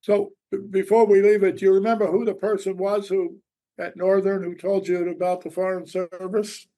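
Raspy-voiced man hosting an interview. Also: high voice, little pitch movement, warm tone. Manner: halting, repeats words. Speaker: podcast host. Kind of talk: conversational interview.

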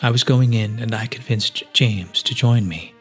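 A man's voice: on the low side, moderate pace, fairly bright tone, soft background music, natural voice. A man voicing a determined young woman who speaks tersely, in a storybook drama. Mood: explaining. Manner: terse, frustrated.

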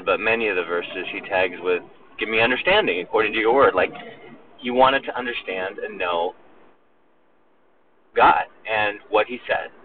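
A pastor giving an earnest, emphatic sermon on a psalm, slowing down to stress key words. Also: male voice, fairly low pitch. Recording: distant phone-like recording with faint noise.

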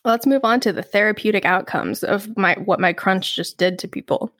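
A woman's voice: medium pitch, moderate pace, a bit bright, no room sound. A woman co-hosting a podcast in casual chat, chatty and reading research notes aloud. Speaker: podcast co-host.

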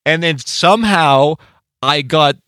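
A man's voice: a little high, takes it slowly, pushed and bright, clear, resonant tone, no echo. Man telling rambling stories, dry sound. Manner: rambling storytelling with profanity and filler. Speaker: podcast co-host; band musician. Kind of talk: casual chat.

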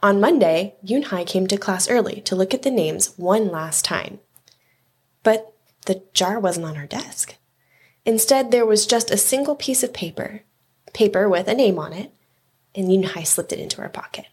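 A woman reading a children's picture book aloud at story time in a clear, measured way. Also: medium pitch, animated, a little mellow.

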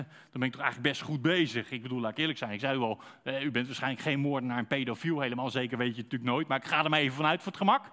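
Dutch man preaching a lively sermon. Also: mid-range voice. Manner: conversational, addresses congregation directly with rhetorical questions.

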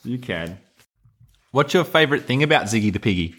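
Big pitch swings mark this adult Australian man's medium-pitched, fairly bright voice, and he speaks briskly. As a podcast host, he reads a children's storybook in a casual, playful, encouraging manner.

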